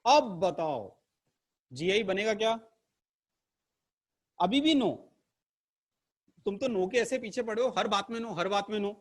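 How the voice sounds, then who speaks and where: A man's voice: high voice, expressive, measured pace, pauses often. A man teaching an online chemistry lesson to camera in a playful, theatrical way, teasing his class. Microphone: camera mic.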